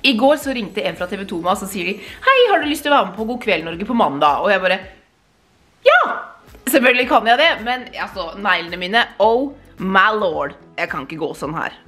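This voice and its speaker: A woman's voice: medium pitch, few pauses. Chatty young woman vlogging. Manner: chatty, animated, mixes English words. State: hiccuping. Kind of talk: casual vlog chat.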